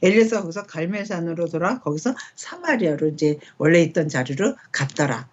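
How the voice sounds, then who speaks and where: A middle-aged woman leading a casual Bible study at home, speaking conversationally and checking in with quick rhetorical questions. Her voice sits low for a woman. It is captured on a dull, lo-fi recording. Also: expressive, slight background noise.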